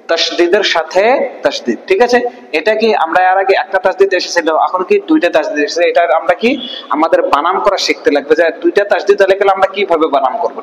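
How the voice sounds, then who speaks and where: A man teaching an online Quran reading lesson, spelling out syllables slowly, repeating them and asking his pupils questions. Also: on the high side. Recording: echoey room with long reverb.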